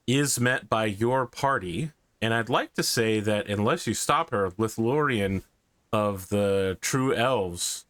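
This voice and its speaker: A man's voice: on the low side, fairly bright tone, no room sound. Dry-sounding man running a tabletop game. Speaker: game master. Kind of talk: narrating a tabletop fantasy game.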